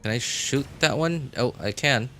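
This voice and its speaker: A game streamer with a medium-pitched, bright voice and a forceful tone gives casual livestream commentary, thinking aloud and rambling at an unhurried pace. Music plays behind him, with slight background noise.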